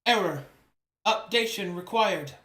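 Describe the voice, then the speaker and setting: A man's voice: high-pitched, lively intonation, unhurried, a bit bright, reverberant. A man voicing a machine-like creature that answers queries in clipped, literal computer processing replies. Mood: flat, mechanical. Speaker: game master.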